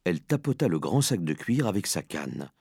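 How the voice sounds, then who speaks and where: A male storyteller reads an audiobook with a very animated, swooping pitch. His delivery is lively and expressive. The sound is dry and close. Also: normal speed, husky, dry recording. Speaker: narrator. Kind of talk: audiobook narration.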